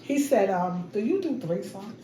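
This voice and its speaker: Middle-aged woman, animated storytelling, lively pitch, echoey kitchen with background noise. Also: normal speed. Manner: animated storyteller acting out dialogue. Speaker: co-host. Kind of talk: casual storytelling chat.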